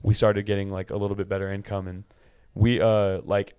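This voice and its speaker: A man's voice: on the low side, flat delivery, a little fast, clean tone, narrow, tinny audio. A twenty-year-old man from California, a podcast guest talking in loose, casual chat full of restarts and filler. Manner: loose, filler-heavy talk with many restarts and "bro".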